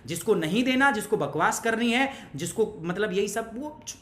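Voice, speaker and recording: A man's voice: sits high, animated, normal speed, roomy sound. A young man teaching an online exam-prep class, chatty and pushy, mixing Hindi with English and asking the class questions as he goes. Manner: pushy, motivational asides to students.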